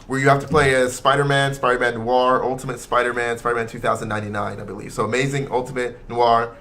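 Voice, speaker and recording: A man's voice: mid-range voice, flat delivery, fast talker, sharp tone, a little hiss or hum. A man co-hosting a gaming podcast, chatting casually and joking with frequent laughs. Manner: laughing, jokey, puts on silly voices. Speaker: podcast co-host. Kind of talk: casual comedic chat.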